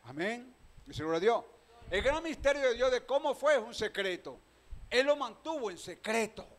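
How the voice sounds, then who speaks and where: A man with a Venezuelan accent preaching a sermon, calling out questions to the congregation and swinging between loud proclaiming and quiet talk. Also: very high-pitched, sing-song, moderate pace. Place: church hall.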